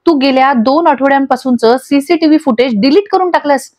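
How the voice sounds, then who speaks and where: A woman's voice: sits high, a little fast, a little mellow, dry recording, studio quality, natural voice. Woman doing a harsh, scolding woman boss. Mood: angry. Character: angry, scheming woman boss. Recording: dull lo-fi audio.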